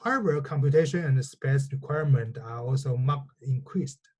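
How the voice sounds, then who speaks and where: Presenting a scripted technical lecture, this researcher, a man whose native language is Chinese, sounds methodical and formal and now and then trips over his words. His voice is mid-range and a little mellow, and he keeps a moderate pace.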